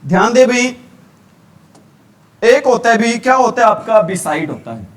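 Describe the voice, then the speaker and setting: A man from India leads a grammar revision lecture in a strikingly high voice. He keeps asking questions and answering them himself. The mic sits some distance away. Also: big pitch swings, a little slow. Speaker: teacher.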